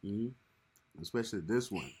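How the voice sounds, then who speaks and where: A young Haitian man co-hosts a casual livestream with his wife, rambling, repeating himself and restarting sentences. His voice is fairly low, a little slow and somewhat mellow, with a breathy edge.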